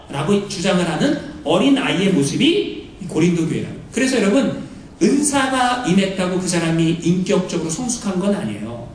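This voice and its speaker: A pastor giving a lively sermon, often questioning the congregation and acting out what people say. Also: medium pitch. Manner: lively, questions the congregation, acts out quoted voices. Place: church sanctuary. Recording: very echoey hall, mic far off, faint noise.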